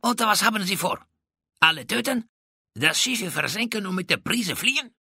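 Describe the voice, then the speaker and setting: Haughty hissing spanish captain, guy doing it, high-pitched and raspy. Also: very animated, moderate pace, sharp tone, no room sound, clean studio sound, full character voice. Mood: haughty, bitter. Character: proud, angry Spanish male ship captain.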